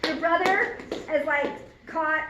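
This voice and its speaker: A woman's voice: high-pitched, steady tone, slow, heavy background noise. A woman directing a first rehearsal, talking her cast through scenes in a chatty way and playfully quoting lines. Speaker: drama director. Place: large echoey rehearsal room. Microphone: far room recorder. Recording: echoey room from far off, chattering students.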